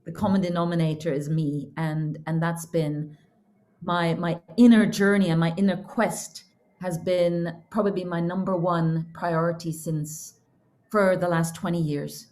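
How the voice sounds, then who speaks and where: A middle-aged Norwegian woman, a counselor and coach, appears as a podcast guest and talks casually yet earnestly about her inner journey. Her voice is on the low side, steady, a little slow and slightly mellow.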